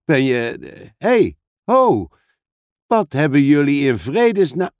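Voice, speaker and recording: A man's voice: fairly high pitch, lively intonation, moderate pace, a little mellow, dry recording, studio quality, close to an everyday voice. A man voicing the eldest brother, a schoolboy who takes charge, in an audiobook. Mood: startled. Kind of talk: audiobook reading.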